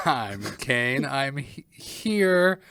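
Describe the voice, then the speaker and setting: A man's voice: mid-range voice, sing-song, drawn-out words, pushed and bright, clean tone, no echo, clean studio sound. A young man co-hosting a casual podcast, telling stories in a laid-back way and laughing easily. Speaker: co-host. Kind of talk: casual comedic chat.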